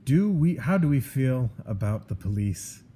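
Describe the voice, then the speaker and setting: A man's voice: medium pitch, big pitch swings, unhurried, mellow, slight background noise. A man co-hosting a podcast, talking in an opinionated, argumentative way with a sarcastic edge and frequent restarts. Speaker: podcast co-host. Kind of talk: opinionated casual chat.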